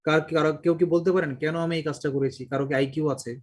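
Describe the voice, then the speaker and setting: Middle-aged man teaching math, slightly high. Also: racing. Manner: lively, asks the class questions; mixes English words and numbers into Bengali. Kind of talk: classroom lecture.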